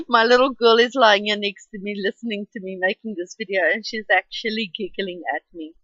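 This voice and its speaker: This is another casual speed-drawing voice-over from the Afrikaans-accented woman, a native Afrikaans speaker, who chats and rambles with lots of ums while narrating her drawing at home. She speaks at a normal pace in a mid-range voice that sounds pushed and bright. The recording has no echo, but the top end is clipped.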